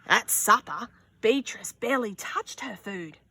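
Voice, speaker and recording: A young woman reading a children's picture book aloud outdoors, slow and expressive, with gasps and little asides. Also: on the high side, slightly rough, no echo. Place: outdoors on a sunny wooden deck.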